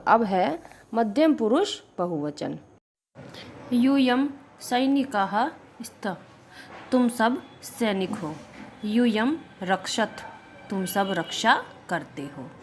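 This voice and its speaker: Slow, lively-pitched teacher woman. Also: slight background noise. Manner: slow, deliberate, repeats each sentence with its translation. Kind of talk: Sanskrit grammar lesson with Hindi explanation.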